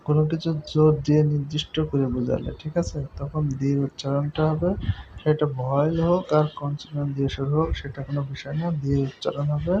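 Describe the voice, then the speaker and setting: Guy teaching grammar, patient, keeps asking ok?, flat monotone, kinda higher voice, dull lo-fi mic with faint hiss. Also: creaky. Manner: patient, repeats points, checks understanding. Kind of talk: explaining a grammar lesson. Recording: dull lo-fi recording with faint noise.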